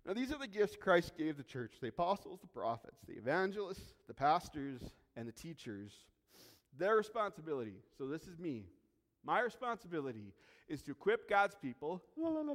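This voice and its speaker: Earnest high-voiced pastor preaching in a reverberant church. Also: male voice, sing-song, normal speed, a bit bright. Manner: earnest, emphatic, repeats key phrases. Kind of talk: sermon. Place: church sanctuary. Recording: long hall reverb.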